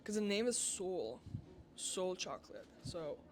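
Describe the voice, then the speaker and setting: A woman vlogger telling a story in a casual, animated rant, filling her talk with "like" and swearing when she is exasperated. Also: lowish voice, unhurried, noisy background.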